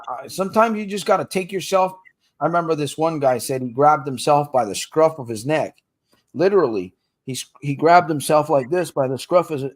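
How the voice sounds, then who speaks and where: A man hosting a casual livestream for gamblers in recovery, plain-spoken and slangy, coaching listeners directly and laughing easily between points. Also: fairly high pitch. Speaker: podcast host for gamblers in recovery.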